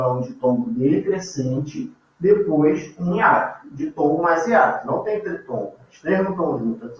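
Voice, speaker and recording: A Brazilian man with a medium-pitched voice and a Brazilian Portuguese accent gives an informal classroom lecture in a casual, chatty way, often checking in with "tá?" and "beleza?". The room is echoey and the mic sits far away, so he sounds dull and muffled.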